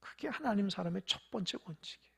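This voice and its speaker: A pastor delivers a sermon in church, telling parables and putting questions to the listeners. The delivery swings from loud, emphatic stresses to hushed, near-whispered asides. The voice is husky with a gravelly rasp. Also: mid-range voice, animated, fast. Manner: tells parables, asks the congregation questions.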